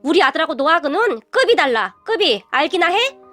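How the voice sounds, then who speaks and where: Brief: scornful shouting middle-aged mother, cruel and snobbish, high-pitched, put on by a female narrator. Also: animated, brisk, faint music behind. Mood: angry.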